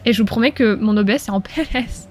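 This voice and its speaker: A woman's voice: medium pitch, rapid-fire, darkish tone, a little hiss or hum. A woman streaming a video game, chatting casually and playfully with her viewers and laughing often. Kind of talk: casual live gameplay commentary.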